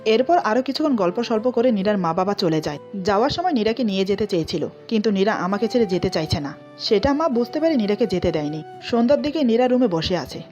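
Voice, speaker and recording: A woman narrating a story in a plain, steady manner, her pitch moving freely across each sentence. A soft music bed plays under a slightly muffled recording. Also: fast talker.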